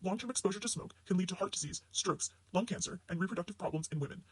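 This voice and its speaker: A man's voice: high voice, fast, husky, no room sound. A man playing a matter-of-fact disclaimer announcer in a parody pharmaceutical ad, rattling off warnings from a script. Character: brisk male drug-commercial disclaimer announcer listing dangers.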